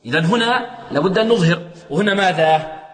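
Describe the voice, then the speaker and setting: A man teaching Quran recitation rules, quizzing his students and chanting verses slowly to show each rule. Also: high voice, expressive, reverberant, in a large hall. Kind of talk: tajweed lesson with sung recitation.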